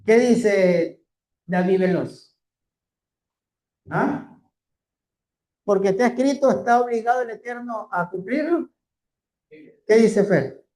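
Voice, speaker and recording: Leading a scripture class, this Torah teacher speaks at medium pitch with lively intonation and a dark tone, and the room echoes noticeably. He keeps putting rhetorical questions to his listeners and drags out key phrases slowly for emphasis.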